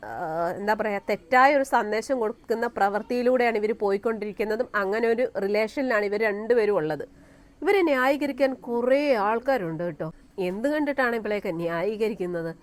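A woman giving a scornful opinion commentary on her vlog, firing rhetorical questions and filling pauses with "aa" and "eh". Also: a little high. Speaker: vlogger.

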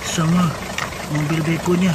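Slow-talking man narrating toy play. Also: on the high side, little pitch movement, background noise. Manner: exclaims often, counts aloud, quizzes the child. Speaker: children's toy channel host.

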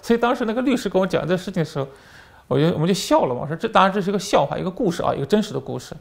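A high, expressive male voice with vocal fry comes through rapid-fire in this political commentary monologue. The man, a channel host and former journalist, tells his stories animatedly with lots of fillers and repeated words.

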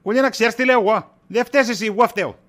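A man's voice: extremely high pitch, a bit bright. A man playing a tired middle-aged shopkeeper in a comedy sketch, exasperated and dodging his wife's questions with wisecracks. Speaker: husband.

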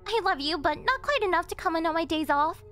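In an anime-style yandere ASMR roleplay with music behind her, a woman plays an obsessive young cafe server who has turned kidnapper. Her very high voice is quick, animated and sugary, with theatrical teasing and a sweetly possessive mood.

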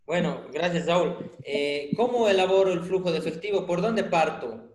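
High-voiced teacher in an echoey room. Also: male voice, normal speed. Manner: questioning, teasing humor. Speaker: finance teacher. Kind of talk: online class lecture. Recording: roomy echo.

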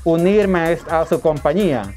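A man's voice: on the high side, moderate pace, loud music behind the voice. A man with a Salvadoran accent talking politely and a little hesitantly as a customer in a phone conversation. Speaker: caller, prospective customer. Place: indoors, small room. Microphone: lapel mic.

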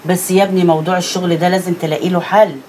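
An actress with an Egyptian accent playing a practical aunt who schemes to arrange a marriage, matter-of-fact and persuading. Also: female voice, on the low side, fairly even intonation, racing, darkish tone, a little hiss or hum, natural voice. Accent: Egyptian Arabic. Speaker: actress in a film. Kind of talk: film drama acting.

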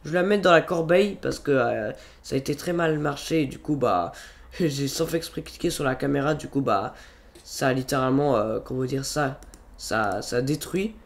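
A young man with a cold narrates a casual, screen-recorded video-editing tutorial as a YouTuber, rambling with lots of fillers and restarts. His voice is mid-range and gravelly, at a moderate pace, picked up on a computer microphone.

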